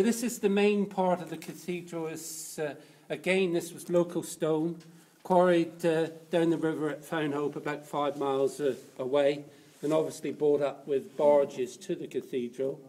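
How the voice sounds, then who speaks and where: Male cathedral tour guide, slightly high voice, informal and unscripted, feeling his way through explanations. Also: fairly even intonation, normal speed, mellow.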